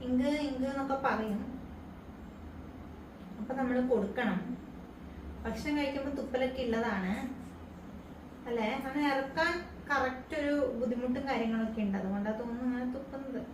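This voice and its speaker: A woman vlogging at home at night, talking through caring for a child in a soft, explaining voice that turns loud and teasing. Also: fairly high pitch, moderate pace, pauses often, echoey room, recorded from a distance, noisy background. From Kerala. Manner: soft-spoken explaining, then loud playful scolding. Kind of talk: casual home vlog narration.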